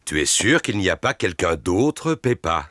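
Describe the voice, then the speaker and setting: A man's voice: sits low, big pitch swings, unhurried, a bit bright, no room sound, clean studio sound, exaggerated voice. A man voicing a jolly, indulgent daddy pig in a children's cartoon, with a jovial, playfully formal manner. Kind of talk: children's cartoon dialogue, French dub.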